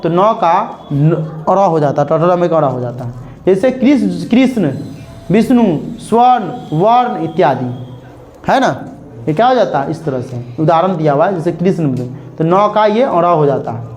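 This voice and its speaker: A young man with a Bihar Hindi accent teaching a grammar lesson to a class. He slowly spells out examples, repeats words, and keeps checking with "clear?". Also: fairly high pitch, animated, darkish tone, a little hiss or hum.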